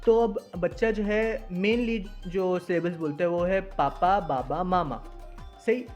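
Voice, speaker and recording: A man's voice: high voice, a little slow, darkish tone, dull audio, soft background music. A young man teaching in a casual discussion, explaining step by step and often checking that listeners follow. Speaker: teacher explaining language acquisition.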